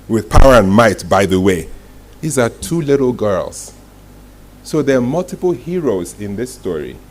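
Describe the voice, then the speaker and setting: Telling stories to a live audience, this man, a masterclass speaker and communications executive, speaks on the low side with a darkish tone. His motivational talk is emphatic, all short dramatic phrases and rhetorical questions, in a noticeably noisy live room recording.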